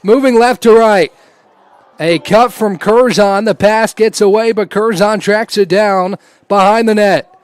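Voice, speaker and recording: A man's voice: high voice, steady tone, measured pace, smooth, no echo. A man giving live play-by-play commentary on a lacrosse game. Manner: raises voice to a shout on goals.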